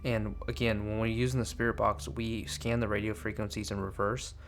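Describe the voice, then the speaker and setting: A man's voice: lowish voice, level tone, brisk, slight background noise. A young man narrating paranormal investigation clips in a casual voice-over, hedging and searching for words with many fillers. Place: voice-over, not recorded on site. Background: faint background music.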